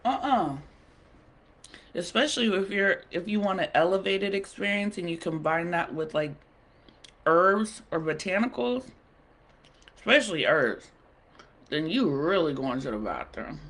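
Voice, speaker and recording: A woman's voice: on the low side, lively intonation, measured pace, pauses often. A woman hosting a casual livestream, chatting playfully with viewers while she eats. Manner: chatty, playful, bantering with the chat; talks while eating. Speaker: livestream host.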